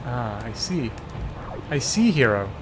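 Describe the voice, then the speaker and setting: A man's voice: mid-range voice, big pitch swings, slow pace, noisy background. A man in his twenties streaming, casually coaching a speedrun step by step and laughing often. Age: 20s. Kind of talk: casual gameplay chat.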